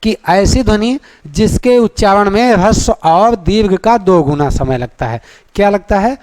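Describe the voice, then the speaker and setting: A man's voice: sits high, lively intonation, a little slow, darkish tone. A man teaching grammar in a lecture style, asking rhetorical questions, answering them himself, and drawing out vowel sounds to demonstrate them.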